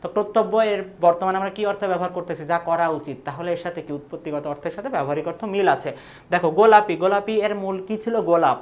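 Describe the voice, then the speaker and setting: A woman's voice: on the low side, quick pace, a little mellow. A young woman teaching an exam prep lecture, asking questions and answering them herself. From Bangladesh.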